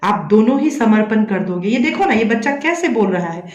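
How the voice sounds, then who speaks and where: A woman's voice: on the high side, animated, normal speed, darkish tone. Woman reading tarot in a roomy echo. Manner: coaxing, repeats a tag question to check the listener follows. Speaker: tarot reader and psychic medium. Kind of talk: addressing viewers directly in a tarot reading.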